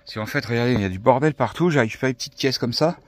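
A man from France vlogging in a relaxed, chatty way, full of fillers, filming with a handheld camera near his van. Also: mid-range voice, very fast, no room sound. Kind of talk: casual vlog chat.

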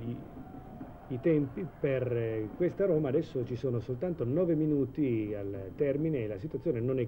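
A man giving measured live football commentary in a 1980s TV broadcast style, hesitating now and then mid-sentence. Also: mid-range voice, lo-fi sound. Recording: old TV broadcast, steady stadium noise.

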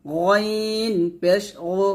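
Brief: Bangladeshi man, Quran reading teacher, very slow, patient letter-by-letter spelling drill. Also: high voice, fairly even intonation. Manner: spells each letter with its vowel mark, then blends the syllables. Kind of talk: slow spelled-out recitation lesson.

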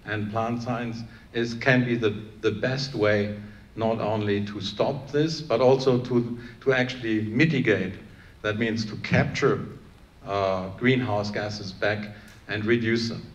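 Earnest lower-voiced man on a panel. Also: fairly even intonation, measured pace, dull audio. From Iran, raised in Germany. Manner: earnest, many restarts and fillers. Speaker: panelist, plant scientist. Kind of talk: panel discussion answer. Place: conference room with audience. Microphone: handheld microphone. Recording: echoey room, faint room noise.

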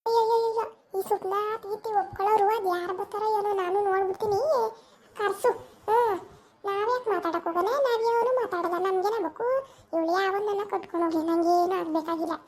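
A woman's voice: very high voice, fairly even intonation, fast talker, a little mellow. A woman playing a harsh, nagging middle-aged village aunt in a family skit, speaking with scorn. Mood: scornful.

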